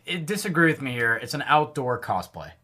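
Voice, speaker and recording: A woman co-hosting a podcast in a bright, sharp voice, her pitch leaping around as she talks. She is blunt, swears freely and laughs a lot. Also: sing-song, fairly quick. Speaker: podcast co-host. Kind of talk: casual chat.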